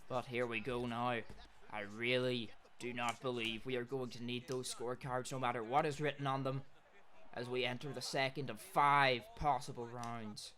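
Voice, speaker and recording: A man giving play-by-play commentary on a video game fight, shouting at big hits and losing his voice from all the shouting. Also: medium pitch, level tone, moderate pace.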